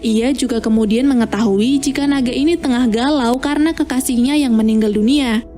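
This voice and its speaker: High-pitched woman narrating, mellow tone. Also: fairly quick, soft background music. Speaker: narrator of film plot recaps. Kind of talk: scripted storytelling narration.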